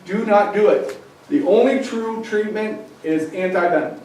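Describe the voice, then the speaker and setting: A man with a fairly high voice gives a lively public presentation, acting out little scenes with humor. He sounds far from the mic in a very echoey room, with faint noise behind him. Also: measured pace. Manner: lively, acts out scenarios with humor. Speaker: wildlife educator giving a public talk. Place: lecture room with an audience.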